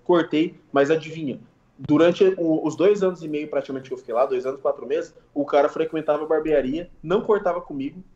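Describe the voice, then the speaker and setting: Roomy-sounding barber telling stories. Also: male voice, on the high side, a little fast, muffled recording. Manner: relaxed slangy storytelling, sound-effect words. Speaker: guest barber. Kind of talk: casual storytelling in a podcast chat.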